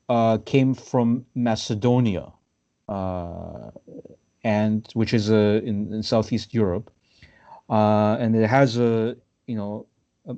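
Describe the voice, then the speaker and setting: A man from Austria in his thirties hosting a podcast, discussing politics casually over a video call and pausing often with fillers and restarts. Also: on the low side, mellow. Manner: hesitant, many fillers and restarts. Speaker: podcast host. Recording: dull lo-fi video call audio.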